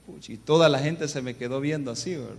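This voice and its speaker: A man's voice: medium pitch, fast talker. A man, a guest pastor preaching a sermon and telling stories while often addressing the congregation. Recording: long church reverb, faint background noise.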